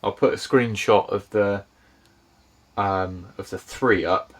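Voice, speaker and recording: A man's voice: fairly low pitch, steady tone, takes it slowly. A man casually reviewing a camera on his boat, easygoing and thinking aloud as he goes. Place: on and around a canal boat.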